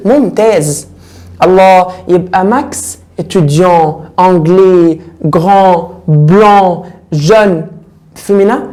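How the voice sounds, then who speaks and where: A young man with an Egyptian Arabic accent teaching French grammar in a casual, lively way. He keeps repeating words and putting questions to his students. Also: sits high. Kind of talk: casual classroom lesson.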